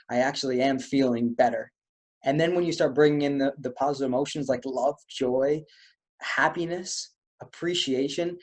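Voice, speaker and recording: Through step-by-step physical instructions, a webinar presenter coaches listeners on posture and breathing in a guided stress-relief talk. He has a mid-range voice with a darkish tone.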